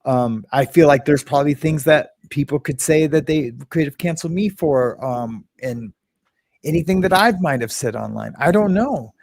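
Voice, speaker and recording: Man, livestream host, slightly high voice, dry close sound, rambling and chatty. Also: lively intonation, moderate pace, dry recording. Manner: rambling, greets chat viewers, frequent restarts and filler. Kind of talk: casual livestream commentary.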